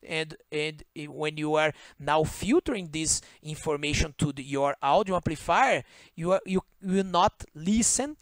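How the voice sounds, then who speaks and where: An electronics instructor with a voice on the high side explains a circuit diagram in a screen-share walkthrough, recorded as voice-over on a screen recording with no room sound. A native Portuguese speaker with a Brazilian Portuguese accent in English, he's halting, pauses often, corrects himself and keeps checking in with "okay?".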